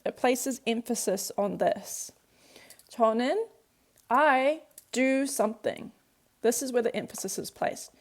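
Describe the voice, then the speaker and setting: Her voice is on the high side and a little mellow. As a native English speaker teaching a workbook lesson, she patiently goes step by step through examples and repeats the main points.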